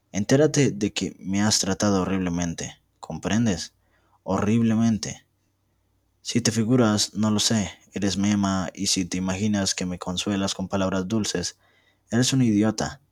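A man's voice: low-pitched, no room sound, studio quality. A young man reading aloud as a bitter, vengeful man who speaks in resentful threats. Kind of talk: amateur reading of a novel.

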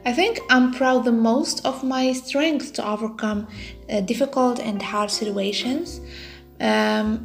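A woman from Morocco speaking in a composed, confident way as a podcast guest. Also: a little high.

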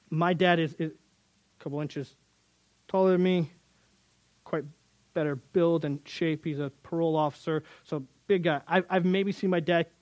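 Guy teaching the bible, kinda high voice, super dry sound, earnest and trips over words a bit. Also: a little mellow, no echo. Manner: earnest, stumbles and repeats words while building emphasis.

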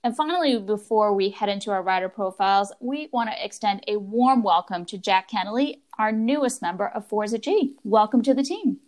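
A woman co-hosting a team podcast, presenting the episode in a friendly, relaxed way with some fillers. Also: medium pitch, brisk, few pauses. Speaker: podcast co-host. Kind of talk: casual chat.

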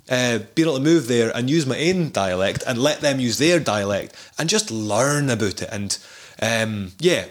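A man with a broad Scottish accent chatting casually as a podcast guest, dropping Scots dialect words into his English. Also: mid-range voice. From Scotland. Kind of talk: casual interview chat.

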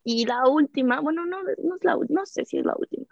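A woman's voice: sits high, animated, a little fast, gravelly, a little mellow, no room sound. Candid Mexican young woman, muffled dry sound. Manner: candid, rambling with many fillers. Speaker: podcast guest. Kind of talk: personal storytelling in casual chat.

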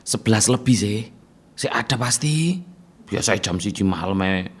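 An actor playing a bold, nosy young man, teasing and swinging from loud to soft in a radio drama. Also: lowish voice, expressive, moderate pace, slightly rough. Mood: eager.

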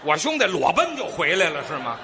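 A man plays the straight man in a crosstalk act, answering his partner with short, dry retorts. His pitch leaps and drops widely from one line to the next. Loud background noise sits under his voice. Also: huge pitch swings, brisk. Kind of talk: Beijing crosstalk performance.

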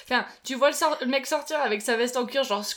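A woman's voice: sits high, fast, a crowd in the background. A young woman casually recapping a TV episode with friends, hesitant with many fillers and frequent laughter. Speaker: podcast co-host recapping a TV episode. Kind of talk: casual chat.

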